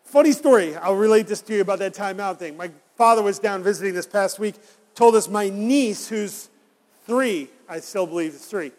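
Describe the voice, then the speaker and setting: A man's voice: high voice, normal speed, darkish tone, big-room sound. A man preaching a sermon as a pastor, talking conversationally and putting rhetorical questions to his congregation.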